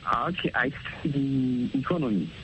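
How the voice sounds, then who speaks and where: Young man speaking halting English. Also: medium pitch, animated, fairly bright tone, dull audio, a little hiss or hum. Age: 20s. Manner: halting learner's English, short answers. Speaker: university student and caller.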